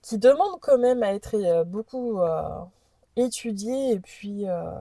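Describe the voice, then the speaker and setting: Slow, mellow-voiced woman reading oracle cards. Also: mid-range voice, animated, no echo. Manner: hesitant, stumbling over unfamiliar names. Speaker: host presenting an oracle deck. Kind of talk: casual chat, reading card messages aloud.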